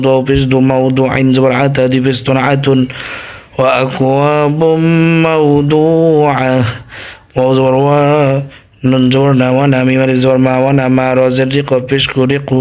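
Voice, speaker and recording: A man's voice: mid-range voice, completely flat delivery, normal speed, a little mellow, clear, resonant tone. A man teaching Quran reading who spells out the Arabic letters and vowel marks one syllable at a time, patiently repeating each sound.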